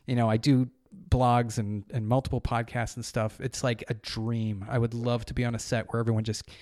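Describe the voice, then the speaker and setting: A man's voice: mid-range voice, level tone, normal speed, a little mellow, no room sound, clean studio sound. A man hosting a podcast and chatting with a guest in an easygoing, enthusiastic way. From lives in North Carolina. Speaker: podcast host. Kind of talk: casual interview chat.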